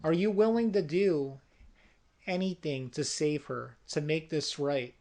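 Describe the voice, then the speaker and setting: A performer voicing a grave, much older man, a priest, in a low, solemn manner. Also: unhurried, darkish tone, close to an everyday voice. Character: old grave priest, ominous.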